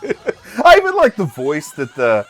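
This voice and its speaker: Animated middle-aged man reacting casually. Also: high-pitched, unhurried. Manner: exclamatory, chuckling, jokey. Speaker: reaction host. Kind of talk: casual running reaction commentary.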